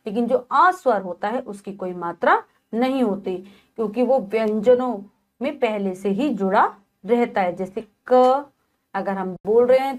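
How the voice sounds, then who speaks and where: A woman teaching a children's lesson, slowly spelling out letters one by one and checking in often with "okay". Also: on the high side. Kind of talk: textbook lesson explaining Sanskrit vowel signs to children.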